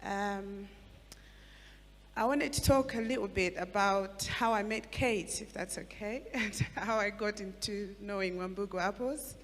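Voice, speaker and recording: A woman's voice: medium pitch, measured pace, fairly bright tone. A woman from Malawi giving a short speech as a guest, hesitant with frequent ums. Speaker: guest speaker. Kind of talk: speech to an audience. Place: event venue hall. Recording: reverberant hall with faint hum.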